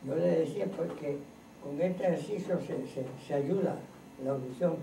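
A man giving an informal spiritual teaching to a gathered group, slow and earnest, repeating and listing points like a preacher. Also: a little high, vocal fry, dark tone, slight background noise. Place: room in a private home. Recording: roomy, distant home recording.

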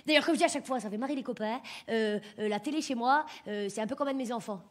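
A woman's voice: a little high, fast talker, lightly acted. A woman comedian playing a crude, boastful working-class mother who rambles with lots of fillers and swearing. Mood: brash. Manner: vulgar, rambling, full of fillers. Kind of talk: stand-up character monologue.

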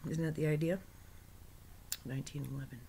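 A woman with a low voice tells of a meditation experience without a script. She stumbles, restarts and often drops to a soft whisper, with easy laughs breaking in. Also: a little fast, a little hiss or hum. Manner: laughs often, excitable in places. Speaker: spiritual author recounting a meditation. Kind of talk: unscripted personal recounting.

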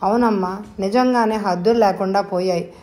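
A woman voicing a weak, guilt-ridden young daughter in an audio novel, speaking slowly and quietly. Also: mid-range voice, close to an everyday voice. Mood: subdued. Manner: slow, quiet, subdued.

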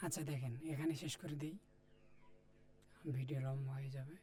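A Bangladeshi-accented man teaches Quran reading, patiently spelling out Arabic letters and vowel marks one by one in a drill lesson. His mid-range voice is mellow, fairly quick, and barely moves in pitch. He speaks straight to viewers, repeating things patiently.

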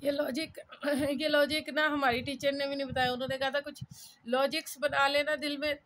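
A woman's voice: sits high, level tone, normal speed, a bit bright, slight background noise. A woman studying at home who talks through her own notes in a casual, chatty way, often checking in with listeners and thinking aloud. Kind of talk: casual self-made lesson, explaining while writing characters. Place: cluttered room at home.

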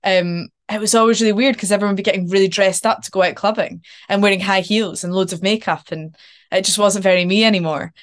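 A young Scottish actor with a Glaswegian accent chats as a guest in a casual video-call interview from the couch in her living room. Her medium-pitched voice moves fast, and she's lively and talkative, scattering lots of ums and likes.

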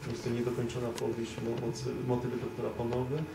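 Halting young man, gravelly and far-off. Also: mid-range voice, monotone. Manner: halting, many fillers and repeated words. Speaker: panelist, editor of a story collection. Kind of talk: panel discussion. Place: dim reading room at a live event. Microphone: far camera. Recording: echoey room, far from camera, noisy.

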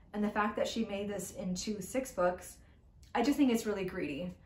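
Blunt, opinionated woman reviewing books. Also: medium pitch. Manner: blunt, opinionated, swears casually. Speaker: book reviewer. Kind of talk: casual monthly book review. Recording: roomy echoey room.

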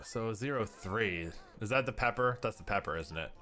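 A man co-hosting a game livestream in casual chat, talking through a headset mic, chatty and quick to laugh. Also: lowish voice, expressive, pushed and bright, faint music behind. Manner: chatty, laughs easily, thanks donors. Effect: livestream headset audio. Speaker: livestream co-host.

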